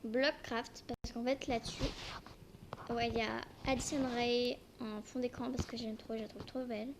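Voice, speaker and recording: A young woman whose braces slightly blur her articulation presents a game in a homemade video, casual and hesitant. Her fairly high voice barely moves in pitch and keeps a normal speed, and the amateur recording is noisy with clicks.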